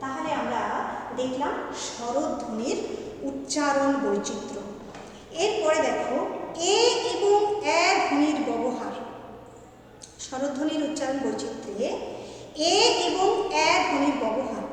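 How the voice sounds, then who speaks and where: A woman's voice: high voice, expressive, a little slow, long pauses. A woman teacher giving a grammar lesson, who patiently repeats each rule and asks rhetorical questions. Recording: echoey hall, far from the mic, faint noise.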